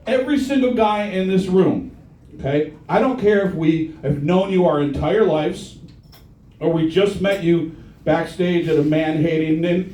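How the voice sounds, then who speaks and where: A middle-aged man does a crude, punchy stand-up set in a comedy bar, bantering with the live crowd as the audience laughs. His voice sits high and warm, captured with roomy, distant live club sound.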